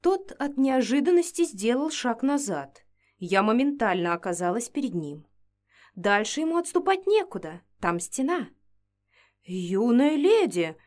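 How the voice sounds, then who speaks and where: A woman's voice: on the high side, very animated, moderate pace. A woman reading a first-person fantasy story aloud in a playful, ironic manner. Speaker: audiobook narrator.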